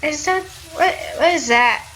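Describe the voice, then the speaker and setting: A woman's voice: sits high, unhurried, fairly bright tone, slight background noise, poor audio. A woman playing a video game and chatting casually, reacting aloud to everything on screen. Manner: chatty, reacts aloud to what she sees. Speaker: let's play gamer.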